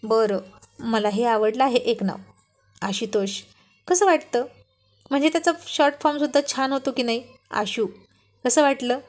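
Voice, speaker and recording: A woman voicing a shy, affectionate young wife who gently scolds her husband, in a story read aloud. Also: on the high side, moderate pace, pauses often, soft background music, lightly acted. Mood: tender. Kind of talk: storybook reading.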